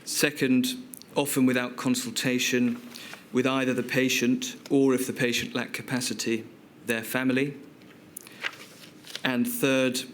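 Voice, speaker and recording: A British man acting as counsel at a public inquiry, asking formal questions in a measured, deliberate way. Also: medium pitch, slight background noise.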